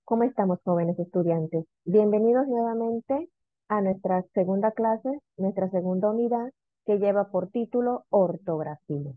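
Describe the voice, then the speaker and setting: A woman teacher giving an online lesson, drawing out example words slowly as she repeats them. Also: mid-range voice, dry recording. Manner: slow, drawn-out repetition of example words. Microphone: video call. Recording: dry, phone-like video call audio.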